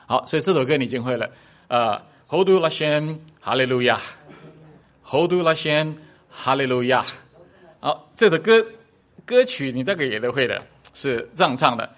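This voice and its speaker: A man of middle pitch teaches a church congregation in a loose, chatty way. He drops fillers and short laughs as he explains. He slows down sharply to spell out foreign words syllable by syllable. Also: a bit bright. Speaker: preacher teaching a Hebrew song.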